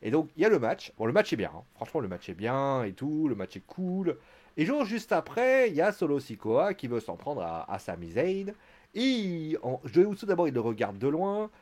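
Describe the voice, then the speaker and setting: A man's voice: on the high side, big pitch swings, normal speed, a little mellow. A man giving a casual live-stream recap of a wrestling show, chatty and joking, with theatrical asides to his viewers.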